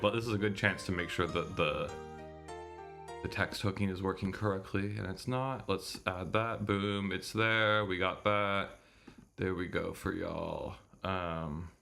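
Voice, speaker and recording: A man in his thirties hosts a visual novel readalong livestream, chatting casually in a rambling, digressive way and often correcting himself. His voice is fairly low, gravelly and bright, with a forceful tone.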